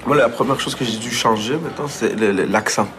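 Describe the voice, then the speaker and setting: A young man with a Quebec French accent, a comedian guest in a casual radio conversation, telling stories in a lively, joking way. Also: medium pitch, fairly quick, faint music behind. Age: young adult. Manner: animated, joking storyteller.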